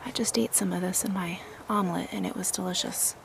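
A woman giving a casual walking tour of her backyard garden, relaxed and admiring, thinking aloud with some fillers. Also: lowish voice, brisk, creaky, slight background noise.

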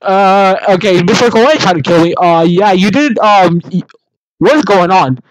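An amateur voice actor casually fan-dubs an animation in a rather high voice at normal speed, rambling along with silly, half-hearted ad-libs and mock alarm. There's noise in the background.

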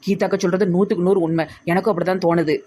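Comedy sketch: woman plays an eager sidekick, rapid delivery, Tirunelveli Tamil accent. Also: on the low side, steady tone, mellow, slight background noise, lightly acted. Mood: urging.

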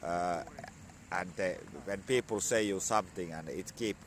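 A deep-voiced Finnish vlogger in his forties chats outdoors on a sunny spring morning, speaking into a phone held at arm's length. He's a bit hoarse from a cold and his accented English comes out haltingly, with many fillers, over a slight hiss or hum.

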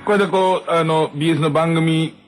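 A man's voice: on the high side, fairly even intonation, brisk, faint music behind. A man hosting a late-night radio show, telling a rambling, self-mocking comic story and laughing at his own jokes into a studio microphone.

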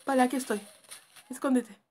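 Young woman, let's play commentary, jumpy, talks to herself, slightly high pitch. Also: fairly even intonation, a little fast, dark tone. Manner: jumpy, talks to herself, shrieks when scared. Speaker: gaming YouTuber.

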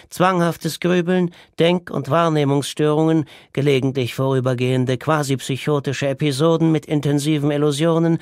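A man's voice: no room sound, studio quality, close to an everyday voice. A man voicing an agitated, theatrical male psychiatric patient in an audiobook, declaiming and mocking in a raised voice. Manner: declaiming, mocking, pitched up excitedly. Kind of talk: audiobook character reading.

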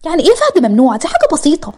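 A woman's voice: high-pitched, huge pitch swings, racing, darkish tone, voice pushed up. A woman voicing a bubbly, stubborn young wife arguing to keep her lipstick on. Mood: insistent.

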